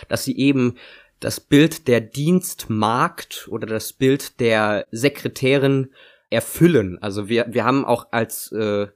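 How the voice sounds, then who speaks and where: A young man co-hosting a casual podcast, talking with lots of fillers and restarts. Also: mid-range voice. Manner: hesitant, many fillers and restarts. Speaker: podcast co-host.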